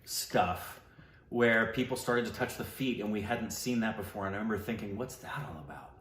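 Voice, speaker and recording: A man's voice: on the low side, steady tone, normal speed, a bit bright, a little hiss or hum. A man co-hosting a reaction video who chats casually and tells little anecdotes. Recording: roomy echo.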